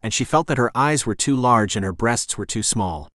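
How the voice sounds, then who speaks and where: A man narrating a fantasy audiobook in a steady, even reading voice. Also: mid-range voice, moderate pace, dry recording, studio quality. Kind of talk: scripted narration.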